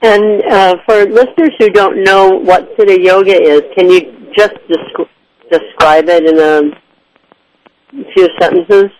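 A man from Japan hosting a radio interview, asking gentle, hesitant questions. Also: high voice, steady tone, a little slow, rough recording. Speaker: radio host.

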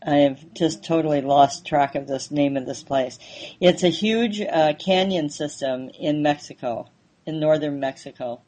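A woman hosting a conversational interview, speaking hesitantly with frequent pauses and fillers. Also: low voice, dark tone. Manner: hesitant, many ums and pauses.

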